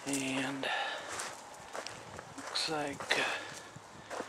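A middle-aged man casually narrating a walkthrough of a building site outdoors, filming on a handheld camera and pausing often with fillers. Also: mid-range voice, little pitch movement, very noisy. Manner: rambling, plain-spoken, pauses with fillers while filming. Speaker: vlogger documenting a house build. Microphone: handheld camera mic while walking.

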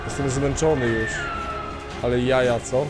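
A man doing let's-play commentary, excitable and swearing as he exclaims at the game. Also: mid-range voice, measured pace. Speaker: gamer. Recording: voice over game music.

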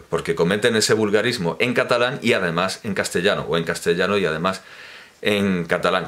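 Very low-voiced man lecturing pedantically. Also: a bit bright. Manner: pedantic, corrective, with frequent hesitations and restarts; lecturing, didactic explanation. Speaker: commentator on language teaching. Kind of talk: spoken monologue, opinion talk.

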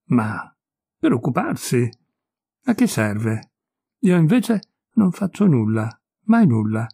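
A man voicing a listless, resigned idler of thirty-three who looks old, speaking in a flat, unhurried way. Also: mid-range voice, vocal fry, breathy edge, no echo, heavily acted. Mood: indifferent.

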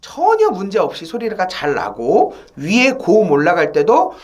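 A woman teaching a saxophone video lesson, asking rhetorical questions and filling pauses with short "uh" sounds. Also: mid-range voice, huge pitch swings, a little mellow, soft background music. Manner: asks rhetorical questions, many "eo" and "mwo" fillers.

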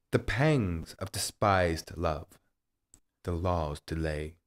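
A man playing Hamlet as a brooding, tormented prince in a theatrical Shakespearean monologue, deliberate, with dramatic pauses and dynamic swells. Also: fairly low pitch. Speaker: actor.

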